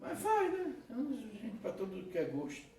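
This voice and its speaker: Brazilian pastor guy, high lively voice, preaching away, echoey church heard from a distance. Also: a little slow, gravelly, a little hiss or hum. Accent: Brazilian Portuguese. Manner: animated preaching with laughter and asides. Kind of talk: sermon. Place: church hall.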